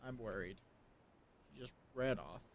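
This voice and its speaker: A man's voice: mid-range voice, measured pace, creaky, a little hiss or hum. Sarcastic swearing streamer man. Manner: sarcastic, swears often, mutters. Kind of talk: casual let's-play commentary, reading game dialogue aloud.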